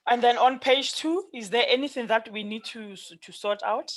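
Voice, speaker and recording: A person chairing a formal meeting in a halting manner, often repeating words while searching for the next one. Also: medium pitch.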